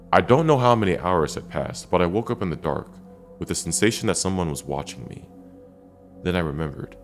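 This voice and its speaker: Very deep, creaky male horror narrator. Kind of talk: first-person scary story narration.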